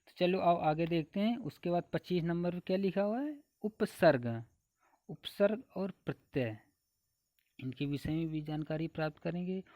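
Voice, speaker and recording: A man teaches an exam-prep grammar lesson, going item by item through a numbered list. He asks his own questions and answers them, repeating each point. His voice sits a little high and sounds dry and close. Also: moderate pace, warm tone, dry recording.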